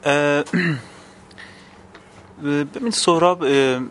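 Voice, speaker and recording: A man's voice: fairly high pitch, fairly even intonation, a bit bright, a little hiss or hum. A man from Tehran, a stage actor answering interview questions thoughtfully with frequent hesitations. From Iran. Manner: thoughtful, hesitant, many fillers.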